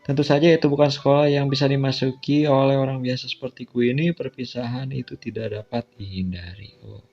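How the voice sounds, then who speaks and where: Reading a visual novel aloud as he plays, a man with an Indonesian accent adds casual, offhand comments. His medium-pitched voice is brisk and fairly even, recorded through a dull lo-fi mic with music in the background.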